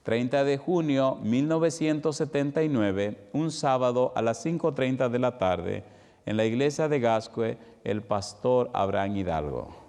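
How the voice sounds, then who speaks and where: A middle-aged man with a Dominican accent preaching a sermon, telling a personal story with emotion, slowing for emphasis and then speeding up. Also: medium pitch, expressive, a little mellow, smooth. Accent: Dominican Spanish. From Dominican Republic. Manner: emotional storytelling, shifting between slow emphatic and quick passages. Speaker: evangelist preacher. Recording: long hall reverb.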